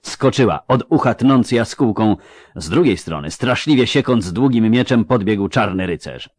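A man's voice: lowish voice, expressive, normal speed, darkish tone, no room sound. A man giving scripted, dramatic audiobook narration.

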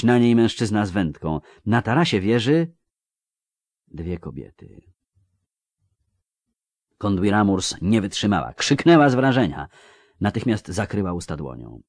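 A man reading a fantasy novel aloud in a measured, dramatic way. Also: lowish voice, a little mellow, no room sound, clean studio sound. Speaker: audiobook narrator. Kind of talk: scripted literary narration.

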